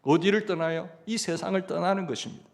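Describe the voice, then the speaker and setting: A man's voice: high-pitched, quick pace. A middle-aged male pastor preaching a Sunday sermon in a church. He tells stories and asks the congregation questions. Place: church sanctuary.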